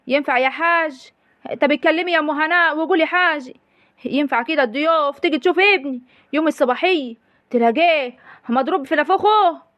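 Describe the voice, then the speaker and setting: A woman playing a loud, melodramatic rural mother of the grooms in a comic village sketch, with a rural Egyptian accent, wailing and lamenting. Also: sits high, quick pace, no room sound, muffled recording.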